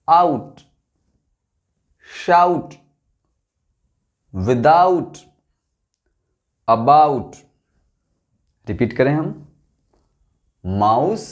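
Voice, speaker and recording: A man teaching English pronunciation in Hindi, slowly repeating each word for learners to echo back. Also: on the high side. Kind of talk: pronunciation drill lesson.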